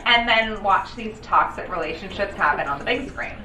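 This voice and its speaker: A woman's voice: medium pitch, animated, moderate pace, pushed and bright. An American woman chatting casually as a tipsy review host, rambling and opinionated, with theatrical exclamations and swearing. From Baltimore area, United States. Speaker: drunk review show host. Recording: echoey room, distant mic, background music.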